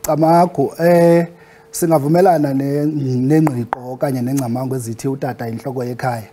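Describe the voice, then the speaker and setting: Xhosa-accented guy being interviewed, talks pretty fast, kinda mellow and husky, formal and respectful. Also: mid-range voice, fairly even intonation, a little hiss or hum. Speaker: guest expert on Xhosa customs. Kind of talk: interview talk.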